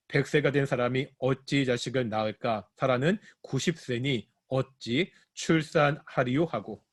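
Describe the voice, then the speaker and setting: 설교하는 남성 목사, 건조한 녹음. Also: male voice, fairly high pitch, slightly rough, no room sound, clean studio sound. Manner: asks the congregation questions and answers them himself. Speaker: pastor. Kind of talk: Bible study sermon. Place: church.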